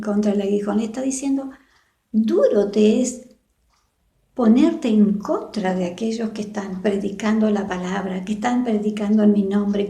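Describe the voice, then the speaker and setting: A woman with a Rioplatense Spanish accent teaching an online Bible school class, slowly acting out the quoted dialogue. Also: fairly high pitch, dark tone, roomy sound. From Argentina. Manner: slow and earnest, acts out the quoted dialogue. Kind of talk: Bible school lesson over the internet.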